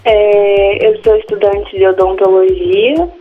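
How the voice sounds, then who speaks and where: A woman's voice: medium pitch, little pitch movement, slow pace, narrow, tinny audio, music in the background. A woman, a caller chatting casually and a little shyly in brief answers. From Belo Horizonte, Minas Gerais, Brazil. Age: 20s. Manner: shy, giggly, brief answers. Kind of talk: casual chat.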